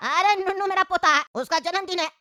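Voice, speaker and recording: A woman's voice: sits high, quick pace, bright, forceful tone, no room sound, clean studio sound. A woman voicing a grumpy, quarrelsome old grandfather in a cartoon, scolding and indignant. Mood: angry. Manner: scolding, indignant, rustic talk. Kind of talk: cartoon voice acting.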